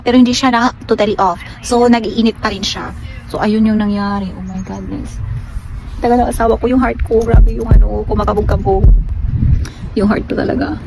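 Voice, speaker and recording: Shaken Filipino woman, noisy phone vlog. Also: mid-range voice. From Philippines. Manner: rattled, exclaims often. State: shaken and scared. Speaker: vlogger. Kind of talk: casual vlog, filmed by phone. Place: at home and just outside the house.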